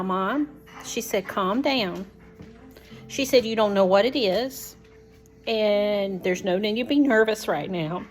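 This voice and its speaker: Slow-talking older woman vlogger. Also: medium pitch. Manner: slow, rambling, heartfelt. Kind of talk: casual personal vlog. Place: home.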